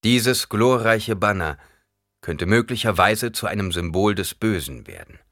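A man reading an audiobook, voicing a weary, fatalistic noble duke who speaks gravely to his son. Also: on the low side, expressive, measured pace, fairly bright tone, no room sound, clean studio sound, voice pushed up.

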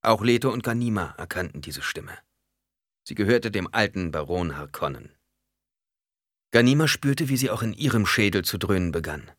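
Male narrator, deep but crisp voice, dry close sound. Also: animated, moderate pace, no room sound. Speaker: audiobook narrator. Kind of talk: scripted narration.

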